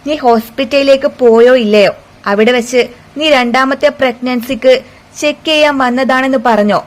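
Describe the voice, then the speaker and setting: A woman reads out a domineering middle-aged mother-in-law, harsh and demanding as she interrogates. The voice sits a touch high. It is a told story rather than a staged drama. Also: moderate pace, close to an everyday voice. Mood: angry.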